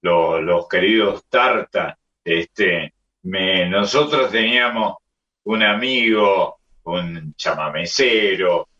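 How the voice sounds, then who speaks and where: A man, a radio host chatting casually and reminiscing in an unhurried way. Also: deep voice, sharp tone. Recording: dull sound, distant mic.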